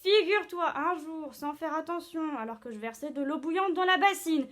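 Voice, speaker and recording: A woman's voice: sits high, moderate pace, a crowd in the background, lightly acted. A woman playing a chatty older aunt on a video call, who tells of her ailments in a breathless, dramatic way with many fillers. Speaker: drama student. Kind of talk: stage monologue acting.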